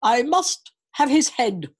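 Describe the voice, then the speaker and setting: A woman voicing a gruff, commanding male king in a storybook reading, with a loud, blustering manner. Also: sits high, big pitch swings, slow, pitched above the performer's own voice, exaggerated voice. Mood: demanding.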